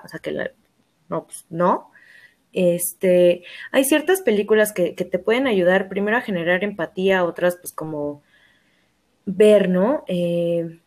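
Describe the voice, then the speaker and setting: A woman with a Mexican Spanish accent hosts a podcast in easy, slang-filled chat. She talks loosely as she lists film recommendations. Her voice is mid-pitched. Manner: casual and slangy, recommends films. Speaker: podcast host. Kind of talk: casual chat.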